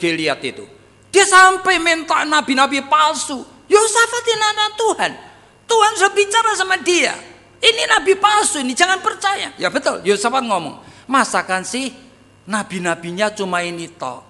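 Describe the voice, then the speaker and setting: A man preaching a sermon as a pastor, telling stories with animated delivery and acting out the voices he quotes. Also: very high-pitched, big-room sound. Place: church hall.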